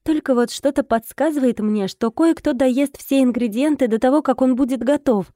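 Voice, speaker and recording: A flustered, prickly young wife with a raised, mellow voice, as a woman reader puts her on. She bats away teasing and grumbles back. The storybook reading sounds dry and close. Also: sits high, normal speed, dry recording, voice pushed up, natural voice. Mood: grumbling.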